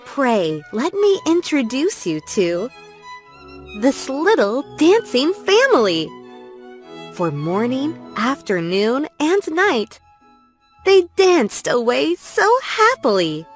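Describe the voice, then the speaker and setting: A woman reads a children's rhyme slowly and gently. Her slightly high voice moves up and down in a lilting way. Soft music plays faintly under her. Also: sing-song. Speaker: storyteller. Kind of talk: slow children's story and rhyme reading.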